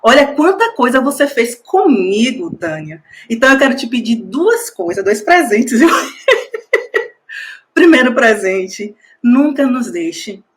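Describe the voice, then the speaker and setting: A woman's voice: on the high side, big pitch swings, normal speed, hardly any pauses. Effusive woman giving tribute. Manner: effusive, emotional, repeats the listener's name. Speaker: master's student and school coordinator. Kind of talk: heartfelt tribute speech.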